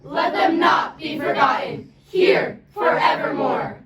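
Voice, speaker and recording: A group of young women recites poetry in unison with high, projected voices. The delivery is slow, dramatic and emphatic. They sound distant in an echoing space full of voices. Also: female voice, very noisy. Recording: echoey, distant mic, loud crowd of voices.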